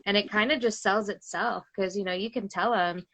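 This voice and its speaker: A woman's voice: medium pitch, steady tone, a little fast, a bit bright, low-quality recording. A woman co-hosting a casual live chat who backs up her partner with short remarks. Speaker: co-host.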